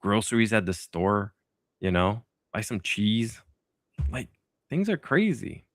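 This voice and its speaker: A man with a gravelly, fairly low voice hosts a casual political podcast. He rambles a little, restarts his sentences and drops sarcastic asides. The recording is dry and close, with no room sound. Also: big pitch swings, takes it slowly, dry recording. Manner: loose and sarcastic, with many fillers and restarts. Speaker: podcast host.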